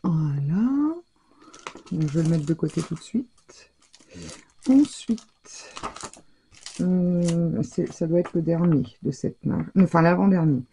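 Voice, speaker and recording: A middle-aged woman presenting her craft shopping haul in a casual, chatty way, hesitating often and filling pauses as she goes. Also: on the low side, creaky, mellow, a little hiss or hum. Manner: chatty, hesitant, full of fillers and self-corrections.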